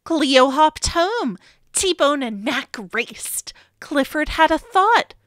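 A woman reading a children's picture book aloud to young listeners, with expressive, playful storytelling. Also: sits high, takes it slowly, dry recording, clean studio sound. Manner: gently addresses young listeners. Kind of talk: children's read-aloud narration.

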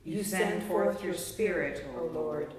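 Man, cantor, measured refrain, huge cathedral echo, long reverb tail, faint background noise. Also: a little high. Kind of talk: church liturgy. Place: large church.

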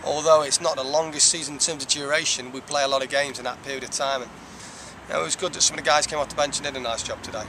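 A man in his thirties, a soccer head coach, giving a measured, reflective postgame interview outdoors, with lots of "you know". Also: medium pitch, steady tone. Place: outdoors by a stone wall. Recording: outdoor traffic noise.

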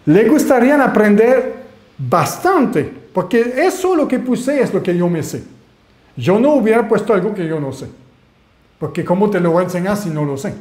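A man with a Panamanian Spanish accent tinged with French-Canadian, hosting a live webinar as an online marketing mentor and pitching to viewers with rhetorical questions. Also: sing-song, normal speed, darkish tone. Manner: salesy, fires rhetorical questions at viewers, lists skills. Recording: roomy echo.

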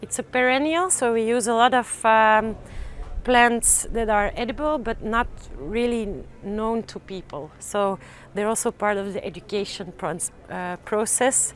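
A rooftop farm guide with a fairly high-pitched voice talks visitors through the garden in a casual way. Her lapel mic catches slight background noise, and she speaks haltingly, full of "uh"s and restarts.

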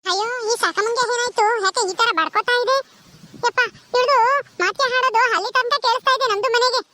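A woman playing a nosy village neighbour who fusses and exclaims with quick questions in a comedy skit. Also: extremely high pitch, noisy background. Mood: curious.

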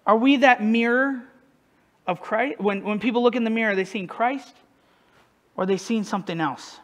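Male pastor with a high, light voice; casual, self-deprecating sermon delivery. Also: normal speed, fairly bright tone. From northern United States. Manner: conversational, self-deprecating, asks the congregation questions.

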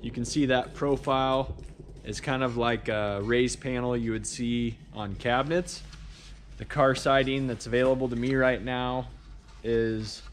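Speaking in a mid-range voice over slight background noise, a man who is a carpenter and channel host walks through a barn repair on his vlog. He's relaxed and explanatory, full of "uh" and "kinda" fillers, moving between a farmyard barn outside and a big workshop indoors.

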